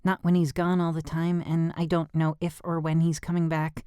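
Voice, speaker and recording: An audiobook narrator voicing a lively, blunt teenage girl who exclaims and teases. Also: mid-range voice, normal speed, clean tone, no echo, clean studio sound, pitched above the performer's own voice, natural voice. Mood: guarded. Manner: bubbly, exclaiming.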